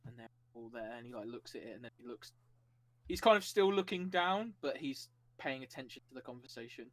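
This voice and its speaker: A man's voice: medium pitch, animated, a little fast, a bit bright, low-quality recording. A man playing in a tabletop role-playing game, describing his character loosely with many fillers. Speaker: player.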